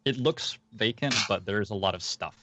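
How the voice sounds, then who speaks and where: A man narrating as game master of a tabletop game, talking with many fillers and slowing down for descriptions. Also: on the low side, sharp tone. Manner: hesitant, filler-heavy narration with slowed descriptive passages.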